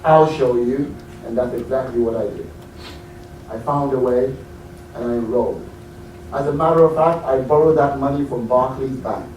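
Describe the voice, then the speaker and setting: A motivational speaker from the UK addresses a live audience, telling stories and prompting them with questions. His mid-range voice moves at a normal pace. The recording is muffled with slight hiss or hum, made from afar in an echoey hall.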